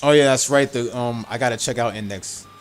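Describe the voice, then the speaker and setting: A man's voice: mid-range voice, fairly quick, faint music behind. Rambling male game streamer, casual. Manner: rambling, opinionated. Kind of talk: casual live stream chat.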